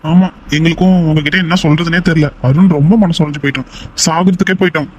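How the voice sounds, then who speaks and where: A young man in a homemade cartoon, voiced by a man, slightly high-pitched. He bursts out with loud exclamations and teases his friends. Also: fairly even intonation, quick pace, slight background noise, lightly acted. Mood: relieved chatter. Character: excitable young man, emotional and teasing. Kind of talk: amateur cartoon voice acting.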